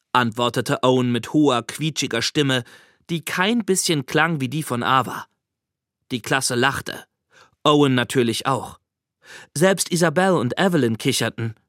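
A man narrates a children's audiobook in a calm, measured way. His voice sits at a middle pitch. The recording is dry and close, with no room sound. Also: no echo. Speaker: audiobook reader. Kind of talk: scripted narration.

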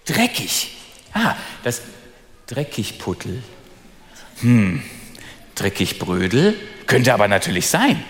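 A man telling a fairy tale live to an audience, animated and asking them questions. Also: medium pitch, slow pace, pauses often. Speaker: storyteller. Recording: long hall reverb, faint music.

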